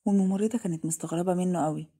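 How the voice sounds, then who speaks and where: Fast-talking Egyptian woman narrator. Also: lowish voice, dark tone, husky. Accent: Egyptian Arabic. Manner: rapid, plain reading. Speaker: storyteller. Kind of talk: story narration.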